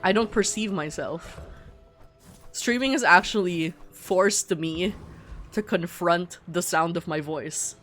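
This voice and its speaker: Speaking slowly in a fairly low, fairly bright voice, a Filipina streamer with a middle-class Filipino English accent talks playfully to her viewers as she plays, talkative and often breaking off mid-thought. Game music runs in the background.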